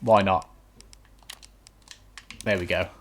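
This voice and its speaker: Speaking slowly with fairly even intonation, a low-voiced man hosts a gaming walkthrough, giving casual, matter-of-fact, reassuring instruction. Clear noise and some clicking come through his noisy home recording.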